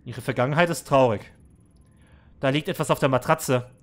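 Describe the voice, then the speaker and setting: A man's voice: medium pitch, normal speed. A man reading game text aloud and commenting in a let's play, earnest and somber, with small restarts.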